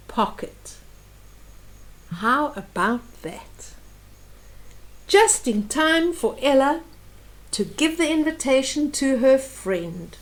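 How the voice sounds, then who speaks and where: Speaking directly to young listeners, an older woman acting as a storyteller retells a picture book in short, expressive phrases. Her voice is high, and the recording quality is low.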